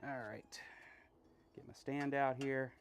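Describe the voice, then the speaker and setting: Man, blacksmith, casual chat while forging, thinks aloud, self-deprecating, many fillers, medium pitch. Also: fairly even intonation, slow, a little hiss or hum. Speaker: blacksmith streamer. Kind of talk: casual talk while working. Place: blacksmith workshop.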